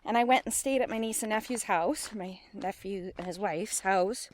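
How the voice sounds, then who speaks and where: A woman's voice: mid-range voice, normal speed, slight background noise. A middle-aged woman talking casually and candidly in a rambling personal vlog, often questioning herself with emphasis, recorded on a handheld phone. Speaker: vlogger. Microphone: handheld phone at arm's length.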